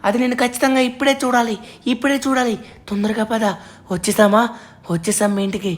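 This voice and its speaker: Spider-Man, voiced by a high-pitched woman. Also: fairly even intonation, brisk, close to an everyday voice. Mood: urgent. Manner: urgent, insistent, repeats himself. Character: anxious male superhero who knows the villain. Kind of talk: game role-play voice-over.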